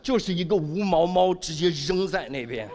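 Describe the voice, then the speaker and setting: A man performing a stand-up comedy routine on stage, animated and acting out the voices he quotes. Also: sits high, normal speed. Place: comedy stage before a live audience.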